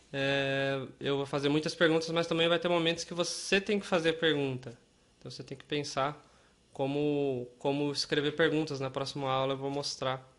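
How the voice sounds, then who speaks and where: A man teaching English to Portuguese speakers in an online lesson, speaking slowly and repeating each word and example for learners. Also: mid-range voice, fairly bright tone. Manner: slow and deliberate, repeating and spelling out words for learners.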